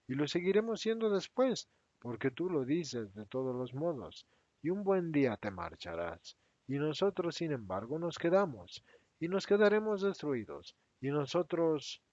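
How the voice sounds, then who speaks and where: A man's voice: a little high, a little mellow, no echo. A man voicing Judas, a resentful and defensive adult apostle who protests in a raised, agitated voice. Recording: dry, slightly dull recording.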